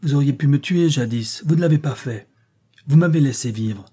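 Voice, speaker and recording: A man's voice: medium pitch, normal speed, dark tone, slightly rough, pitched above the performer's own voice, lightly acted. A man reading aloud voices a desperate European mother who pleads with a sultan for her children's lives, crying out with great passion. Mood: pleading.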